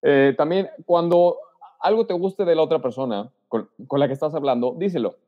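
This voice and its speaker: A man with a fairly high voice talks at a moderate pace as an interview guest, handing out social advice and performing sample lines. His manner is animated and the conversation casual, recorded with dull sound and long reverb.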